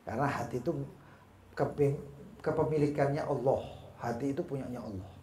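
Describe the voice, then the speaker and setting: A male preacher tells a story during a study session and breaks it up with lively asides. His voice sits at a middle pitch. The room is echoey, with faint noise behind. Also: a little fast. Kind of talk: religious study sermon.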